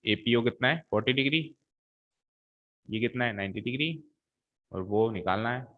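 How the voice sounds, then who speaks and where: A male maths teacher walks his students through a geometry solution one step at a time. He keeps checking that they are following him as he goes. The recording is thin and tinny, like a phone line. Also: fairly low pitch. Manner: talks students through each step, coaxing with "ठीक है". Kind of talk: blackboard maths lesson.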